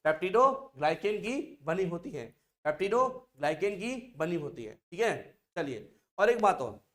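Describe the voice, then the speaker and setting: Male science teacher, online lesson, repeats each term many times, asks then answers himself. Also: high voice. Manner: repetitive drilling, asks and answers own questions; calls listeners "dear children".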